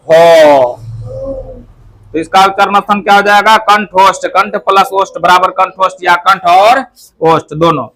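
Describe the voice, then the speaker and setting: A man teaching a Sanskrit pronunciation lesson, explaining step by step, asking questions and answering them himself, and saying each sound slowly to demonstrate it. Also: high-pitched, fairly bright tone.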